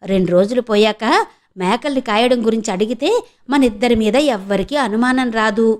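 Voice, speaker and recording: A woman's voice: a little high, normal speed, darkish tone, natural voice. A woman voicing a shrewd, bold village woman who scolds and schemes in rustic speech. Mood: scheming.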